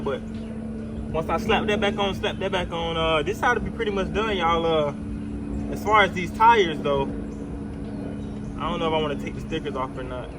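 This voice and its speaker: A man's voice: on the high side, very noisy. A young man talking casually to his phone camera outdoors, saying "y'all" and "man" a lot while he works on his Jeep. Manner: laid-back, keeps saying "y'all" and "man". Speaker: vlogger removing his Jeep's vinyl wrap.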